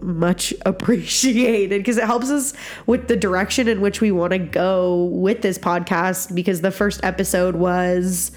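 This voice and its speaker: A woman's voice: steady tone, unhurried, soft background music. Stuffy-nosed woman, casual podcast host. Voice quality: stuffy nose, congested; low, raspy. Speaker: podcast host, social worker. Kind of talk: casual chat.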